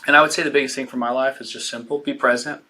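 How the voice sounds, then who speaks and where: A man, a guest who is an entertainer and pastor, talking casually in an interview, animated and jokey with lots of filler words. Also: medium pitch, very fast.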